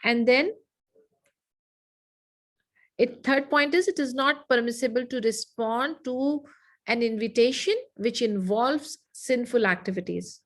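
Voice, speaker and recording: A woman leads an online lesson, speaking in a somewhat high voice. She dictates slowly and repeats phrases so her students can take notes. The sound comes through a video call. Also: poor audio. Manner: slow, repetitive dictation with frequent "okay". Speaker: Islamic studies teacher.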